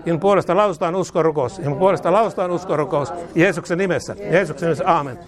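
A man's voice: on the high side, a crowd in the background. A man leading a charismatic healing prayer, chanting lines in repetition, speaking in tongues, and having listeners repeat each line after him. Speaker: preacher.

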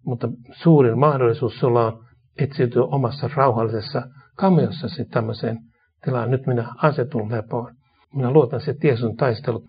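A man preaching a sermon and leading a slow, repetitive prayer. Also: medium pitch, steady tone. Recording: dull lo-fi recording.

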